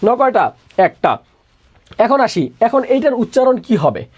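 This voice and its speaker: A man's voice: very high-pitched, sing-song, unhurried, darkish tone, husky, lo-fi sound. Young male tutor, repetitive question-and-answer drilling, mixes in English words. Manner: repeats each question and answers it himself in a call-and-response drill. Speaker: admission test tutor. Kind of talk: online exam-prep lesson.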